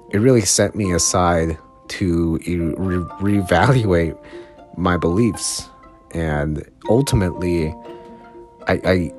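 A man's voice: sits low, a little mellow. A man hosting a casual solo podcast, rambling and self-mocking, stumbling over words and laughing at himself. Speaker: podcast host.

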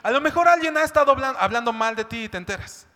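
A man's voice: very high voice, animated, quick pace, pushed and bright. A man preaching a sermon, talking in a chatty way and often asking "¿no?". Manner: conversational, keeps asking "¿no?" and "¿sabes?". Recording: long hall reverb.

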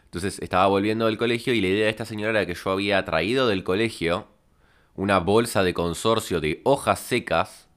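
Low smooth rioplatense guy, deadpan rambling story, goes off on tangents. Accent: Rioplatense Spanish. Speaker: podcast host. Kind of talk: comic monologue storytelling.

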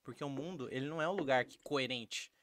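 A man's voice: medium pitch, fast talker, dry recording, clean studio sound. A Brazilian man chatting casually on a podcast, telling stories and acting out the people in them. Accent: Brazilian Portuguese. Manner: animated storyteller acting out quotes.

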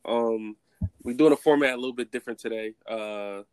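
A man's voice: medium pitch, a little fast, clean tone, no echo. A man with a congested, nasal voice hosting a podcast in a casual, slangy way. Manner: informal street slang. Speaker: podcast host.

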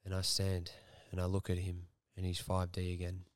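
A man's voice: low voice, completely flat delivery, moderate pace, no room sound, clean studio sound. A young man, hosting a podcast and telling a personal story frankly, swearing freely. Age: young adult. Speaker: podcast host.

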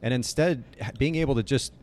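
A man hosting a podcast interview in a conversational style, with low rumbling noise behind his voice. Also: brisk, a little mellow.

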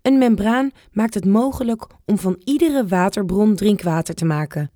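A woman's voice: medium pitch, expressive, normal speed, dark tone, no room sound, studio quality, close to an everyday voice. A woman voicing an enthusiastic male professor who explains things in a children's storybook. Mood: explaining.

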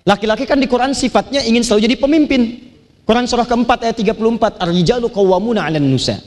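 High-pitched male preacher from Banten, chanting Quran verses amid lively sermon stories. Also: very fast. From Banten, Indonesia. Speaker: Islamic preacher. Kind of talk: sermon to a live audience.

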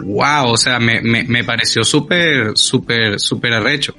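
Bright-voiced Venezuelan man, animated chat. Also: mid-range voice, measured pace, slight background noise. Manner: animated, repeats words when starting. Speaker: podcast co-host. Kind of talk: casual chat.

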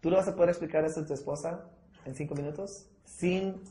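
High-voiced energetic male sales trainer. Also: a little fast. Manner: energetic, coaching, mixes English words into Spanish. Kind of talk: sales training talk with role-play. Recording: echoey room.

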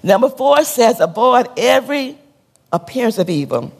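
A woman's voice: on the high side, sing-song, moderate pace, creaky, husky, long reverb tail. A woman pastor preaching a sermon, asking her listeners questions and repeating her key points. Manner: preaching with call-and-response questions and repetition; drops to a soft, hushed tone when telling a sad story.

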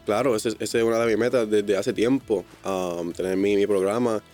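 A man with a Puerto Rican Spanish accent, a basketball player chatting casually in an interview, rambling and relaxed. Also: fairly low pitch, moderate pace, faint music behind. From Puerto Rico. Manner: relaxed, rambling, fillers like "me entiendes".

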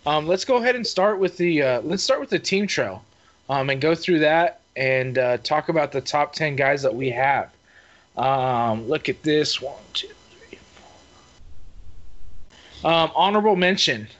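Relaxed male co-host, higher voice, filler-heavy chat, dull lo-fi recording. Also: unhurried, long pauses. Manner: relaxed, rambling, many fillers. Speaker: co-host of fishing show. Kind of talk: casual podcast chat. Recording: muffled lo-fi audio.

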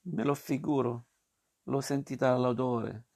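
A man's voice: medium pitch, steady tone, measured pace, darkish tone. A man reading a storybook aloud and voicing a stubborn, whiny wooden puppet boy in a raised voice. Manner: whiny, protesting.

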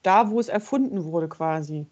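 A woman's voice: on the low side, animated, normal speed, darkish tone, lo-fi sound. A woman co-hosting a podcast in casual chat, chatty, laughing easily and sometimes searching for words. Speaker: podcast co-host.

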